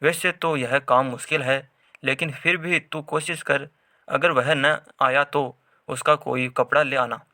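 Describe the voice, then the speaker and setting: A man's voice: mid-range voice, steady tone, a little slow, bright, forceful tone, dry recording, clean studio sound. Man reading as a stern old exorcist. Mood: commanding. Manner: commanding. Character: stern older male exorcist, commanding.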